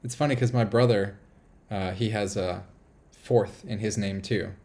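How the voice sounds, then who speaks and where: Man, live stream host, gravelly voice, lowish pitch, rambling upbeat chat, small apartment. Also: steady tone, measured pace, dark tone. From United States. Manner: rambling, upbeat, reads chat comments aloud.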